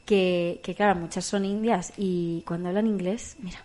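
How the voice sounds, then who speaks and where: A woman with a Spain Spanish accent, chatting casually as a co-host and telling lively anecdotes. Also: fairly low pitch, normal speed. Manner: lively storyteller, acts out quoted voices. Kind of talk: casual chat.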